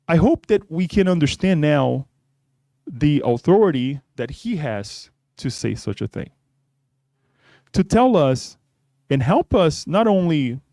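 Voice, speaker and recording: Middle-aged guy giving a spiritist talk, keeps saying "right?", mellow voice, dry sound. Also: fairly high pitch, no room sound. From Brazil. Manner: conversational, often adds "right?". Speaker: spiritist speaker. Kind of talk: religious talk.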